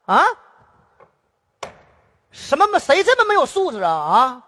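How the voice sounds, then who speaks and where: Woman doing a hot-tempered Northeastern quarreler, high voice, lively swoops, bickering. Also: measured pace, big-room sound, heavily acted. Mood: outraged. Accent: Northeastern Chinese. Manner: brash, bickering, mock-outraged. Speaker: errenzhuan comic performer. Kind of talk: stage comedy sketch.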